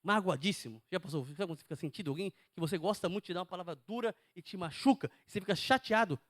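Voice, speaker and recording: A man delivers a sermon in a high-pitched voice, speaking emphatically and repeatedly turning questions on his listeners. The sound is close and dry, with no room around it. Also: racing, fairly bright tone, no room sound. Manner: emphatic, asks the congregation questions. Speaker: preacher.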